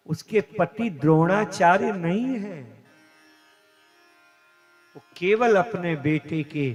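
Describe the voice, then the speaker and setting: A male preacher recounts a devotional story at a slow, deliberate pace, swelling and dropping for dramatic effect. His fairly high voice rings out in a long hall reverb. Faint instrumental music plays underneath. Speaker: katha preacher. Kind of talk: devotional scripture storytelling sermon. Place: live religious gathering.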